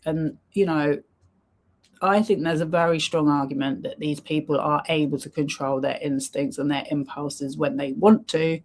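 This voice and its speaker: A woman's voice: deep voice, fairly even intonation, normal speed. A woman streamer giving casual reaction commentary, chatty and full of ums as she retells events. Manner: chatty, many ums, retells with quoted lines.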